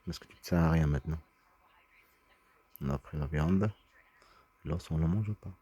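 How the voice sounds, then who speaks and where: A man's voice: extremely low pitch, normal speed, mellow. A man talking in a rambling personal monologue, agitated and often stumbling over and repeating his words. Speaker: vlogger.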